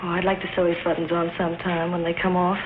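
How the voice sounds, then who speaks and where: A lovesick young woman played by an actress in a 1930s screwball comedy, girlish and wistful. Her words come in a quick, plaintive gush through a thin, telephone-like old soundtrack with obvious noise. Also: lowish voice, monotone, close to an everyday voice. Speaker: actress in a film. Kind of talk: 1930s screwball film acting. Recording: tinny, noisy 1930s film soundtrack.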